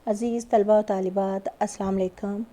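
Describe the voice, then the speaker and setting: A woman's voice: mid-range voice, level tone, warm tone. A woman teacher giving a recorded lecture to students, patient and repeating key points with frequent check-ins. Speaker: school teacher.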